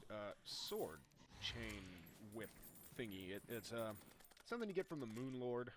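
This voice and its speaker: A young man casually commenting on his own gameplay, rambling and joking, getting excited at big moments. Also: lowish voice, background noise. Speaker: gaming YouTuber.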